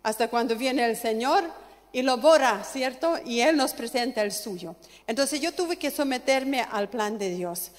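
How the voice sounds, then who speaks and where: A middle-aged woman preaching a sermon, impassioned, swinging between loud, urgent appeals and quiet, hushed asides. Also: a little high, lively intonation, a little slow. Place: church sanctuary. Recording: reverberant hall with faint music.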